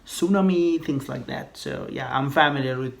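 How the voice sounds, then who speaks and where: A man from Bangladesh listening to a child read, encouraging him in halting speech full of fillers. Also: mid-range voice, vocal fry, very noisy. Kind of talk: casual chat.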